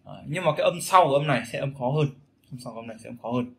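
Male teacher, bright tone, drills vowel sounds by repetition, casual lesson. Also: medium pitch, lively intonation, rapid-fire, gravelly. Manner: repeats sounds and phrases many times, demonstrating vowels. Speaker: English pronunciation teacher.

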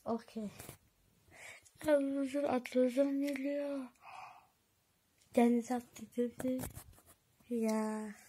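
A woman vlogging casually to her viewers, chatty and excitable, giggling often. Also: on the high side, slight background noise. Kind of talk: casual vlog chat to viewers.

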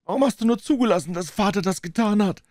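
A man voicing a hoarse, weeping young servant girl who wails in panic. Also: high-pitched, fast, a little mellow, no echo, clean studio sound, voice pushed up, close to an everyday voice. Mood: panicked. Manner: panicked and wailing.

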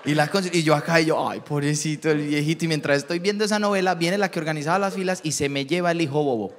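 A young Colombian man telling a comic story, animated, acting out voices and laughing a lot. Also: a little high, fast talker, big-room sound. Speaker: comedian host.

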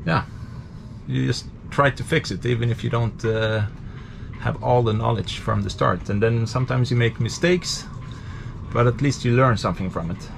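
A man in his thirties from Sweden, casually explaining boat work in a relaxed vlog, with frequent fillers, recorded by a camera close above him in a cramped boat compartment. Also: mid-range voice, moderate pace, gravelly, noisy background. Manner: relaxed, thinking aloud with many fillers. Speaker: sailing vlogger.

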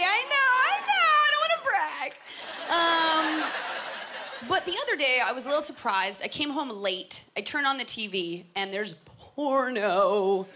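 A young woman performs a stand-up set on a comedy club stage, chatty and self-mocking, acting out bits in put-on voices. Her voice sits high, and the live club recording carries heavy background noise and loud audience laughter.

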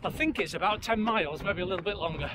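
A man's voice: high-pitched, fast talker, a crowd in the background. A middle-aged man talking casually to camera while running outdoors, active and exerted, as he films a vlog. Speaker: running vlogger. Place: outdoors on open fell trail by a lake. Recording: clear outdoor background noise.

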